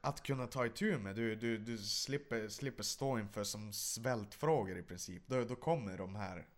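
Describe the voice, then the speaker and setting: A man co-hosting a podcast, telling lively stories and acting out shouts. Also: lowish voice. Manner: animated anecdotes, acts out shouting. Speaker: podcast co-host. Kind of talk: casual chat, storytelling.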